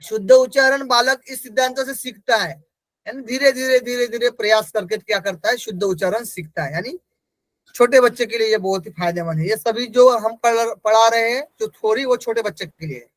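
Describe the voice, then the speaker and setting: A man teaches an exam-prep class in a strikingly high voice. He keeps asking the class questions, answers them himself and repeats each key term. The sound is close and dry, with no room around it. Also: a little fast, a bit bright, no echo, rough recording. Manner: repeats key terms for emphasis.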